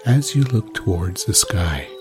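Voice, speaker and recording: Slow, low-voiced man narrating sleep meditation. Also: lively intonation, music in the background. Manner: soothing, unhurried, with long pauses.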